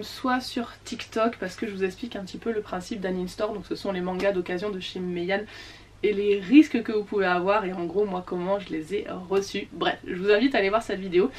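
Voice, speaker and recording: A woman chatting casually about her latest book purchases, with many fillers and self-corrections. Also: medium pitch. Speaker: book vlogger. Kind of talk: casual book haul chat.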